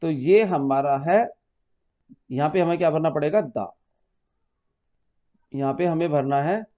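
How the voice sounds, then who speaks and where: Guy teacher explaining grammar to his class, patient, repeats stuff, kinda high voice, dull recording. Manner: patient, repeats key terms, calls students "beta". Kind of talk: exam-prep classroom lesson. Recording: muffled lo-fi recording.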